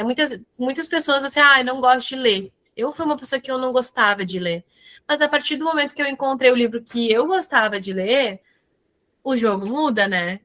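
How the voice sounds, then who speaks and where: A woman's voice: on the high side, a bit bright. A woman leading a casual book club chat, encouraging and full of tag questions.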